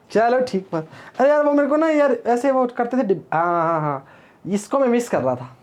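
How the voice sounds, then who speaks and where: A man's voice: very high-pitched, big pitch swings, normal speed, a little mellow. A man teaching physics in a casual classroom lecture, chatty and teasing as he talks straight to his students and wanders off into playful rhymes.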